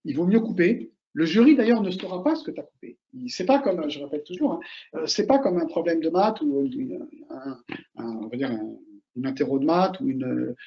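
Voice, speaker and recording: A man, an author and oral exam coach, giving casual, animated advice and repeating his key points straight to the listener. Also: on the high side, moderate pace, lo-fi sound. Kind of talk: casual advice talk to students.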